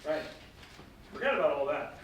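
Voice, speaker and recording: In the role of Simon, a boastful, excitable fisherman turned nervous disciple, a man speaks earnestly with a fairly high pitch and light acting. It's a theatrical staged reading in a reverberant room, his emphatic lines sometimes halting, captured at a distance with echo and faint noise.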